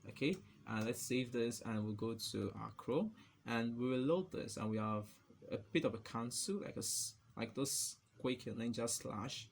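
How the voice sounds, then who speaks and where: A man walks through a coding tutorial in a loose, joking way, chuckling at his own asides. His voice is low-pitched and gravelly with a bit of fry. A faint hiss of noise sits under the recording. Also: normal speed. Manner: chatty and playful, laughs at his own jokes. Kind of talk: casual screen-recorded coding lesson.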